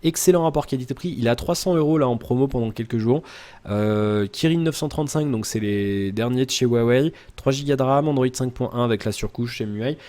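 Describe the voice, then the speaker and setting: A man talking casually to his viewers in a daily vlog, answering their comments one by one. His voice is soft and mellow, and he rambles with lots of fillers and false starts. He speaks to the viewer directly and informally. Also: mid-range voice, brisk. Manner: rambling, many "euh" fillers and restarts.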